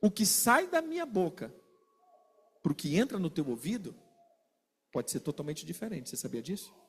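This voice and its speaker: A man preaching a sermon, animated, asking his listeners questions and acting out little exchanges. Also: high-pitched, moderate pace, husky, big-room sound. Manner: animated, asks the congregation questions and acts out quarrels.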